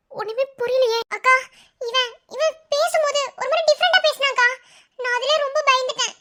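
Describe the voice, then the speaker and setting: Squeaky bright cartoon wife, madurai tamil accent, all fretful and worried, woman doing the voice. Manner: worried, fretting questions. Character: young anxious village wife, fretful. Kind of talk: cartoon voice acting.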